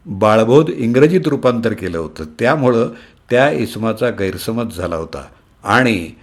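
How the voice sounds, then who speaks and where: A man reading a humorous story aloud in an expressive, lively way. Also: mid-range voice.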